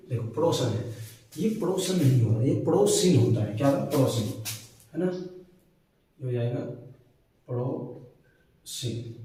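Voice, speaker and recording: A man's voice: mid-range voice, darkish tone. A young adult male teacher explaining Hindi spelling mistakes, repeating each word and quizzing his students with questions. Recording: roomy echo, distant mic, faint noise.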